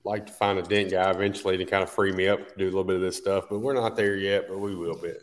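A man's voice: sits low, little pitch movement, quick pace. A man who owns a dent repair shop, chatting and joking on a group video call. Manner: laughing, joking.

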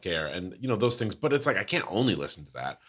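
A man's voice: sits low, very animated, quick pace, sharp tone, slightly rough. A man co-hosting a podcast, chatting casually, joking and swearing freely. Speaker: podcast co-host.

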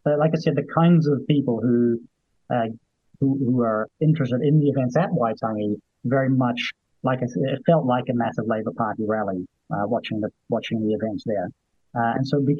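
A man with a husky, slightly rough voice talks politics as a guest commentator. He speaks conversationally and haltingly, circling back over his phrases. The sound is dry, dull and lo-fi. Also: medium pitch, no echo. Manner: hesitant, repeats phrases. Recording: dull, lo-fi remote audio.

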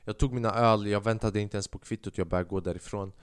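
A man's voice: fairly low pitch, clean tone, no echo, studio quality. A young man hosting a casual solo podcast, telling stories with lots of swearing and acting out what others said. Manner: swearing, animated, acts out quotes. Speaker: podcast host.

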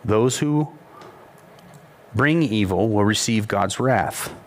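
A man preaching a sermon as pastor, retelling a scripture story with lively, mocking quoted voices. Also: takes it slowly. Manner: storytelling, rises in pitch when quoting mockery.

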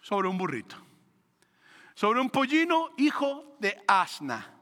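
A man preaching a sermon as pastor, swinging between loud declarations and hushed, slow passages. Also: sits high, very animated, in a large hall.

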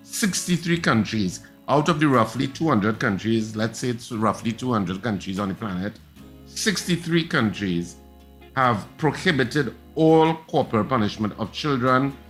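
A man's voice: medium pitch, expressive, moderate pace, few pauses, faint music behind. A man hosting a call-in morning radio show, emphatic and pushing hard on repeated words.

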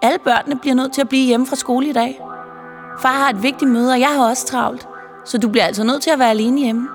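A busy, chatty mother from a Christmas storybook, explaining everything in a hurried, talkative flow, as a woman reading aloud puts her on. Her voice sits slightly above ordinary speech. A long reverb and soft music surround the reading. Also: high voice, steady tone, voice pushed up.

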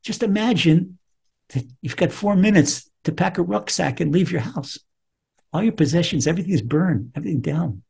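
Husky-voiced rabbi teaching Torah. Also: male voice, a little high, lively intonation, normal speed, darkish tone. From Israel. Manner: quotes Hebrew text then translates, emphatic. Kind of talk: Torah lesson.

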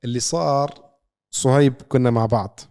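A man's voice: medium pitch, steady tone, moderate pace, warm tone, clean tone. A man with a Levantine Arabic accent, co-hosting a podcast with a casual sports recap, told like a story with rhetorical questions. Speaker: podcast co-host.

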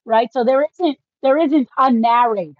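On a laid-back book podcast, a woman co-host talks at a moderate pace in a fairly high voice, eagerly explaining like a fan. There's no room sound, and the recording comes across dry and a bit dull.

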